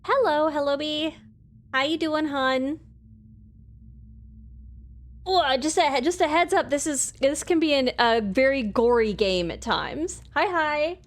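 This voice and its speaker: High-voiced woman streaming a game. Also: expressive, takes it slowly, long pauses. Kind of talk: casual live let's play commentary with dialogue read aloud. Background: game music.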